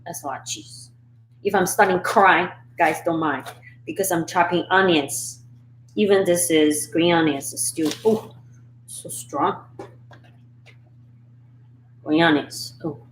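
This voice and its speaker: In a lowish voice and at a slow pace, pausing often, a Chinese-speaking woman from Sichuan, China, hosts a cooking live stream from her home kitchen. She's chatty, talks to viewers while chopping, and laughs frequently. Recorded with a camera and phone setup, the rough audio is reverberant with slight background noise.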